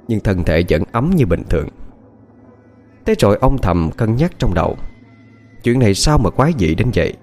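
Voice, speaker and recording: Lively low-voiced male storyteller. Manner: steady storytelling with lively intonation. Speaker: audiobook narrator. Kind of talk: scripted narration.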